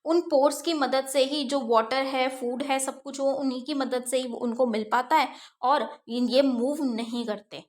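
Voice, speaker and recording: A woman giving an exam-prep science lecture, reading textbook lines slowly and then explaining each one, asking herself questions and answering them. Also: sits high, steady tone. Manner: explains step by step, asks and answers her own questions. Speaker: teacher.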